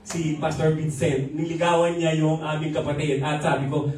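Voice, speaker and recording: A man's voice: a little high, little pitch movement, normal speed, background noise. Filipino-accented male pastor, chuckling testimony preacher, recorded from afar in a reverberant church hall. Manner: switches between Filipino and English, chuckles often. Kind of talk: testimony sermon. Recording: echoey hall from far off.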